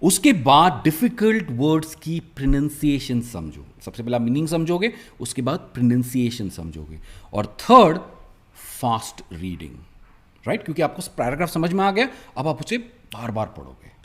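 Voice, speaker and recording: A man teaching a spoken English lesson, drawing out each model word slowly and coaxing his viewers to repeat after him. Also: mid-range voice. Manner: slow, stretched-out model pronunciations of words; lively, coaxing teacher's delivery.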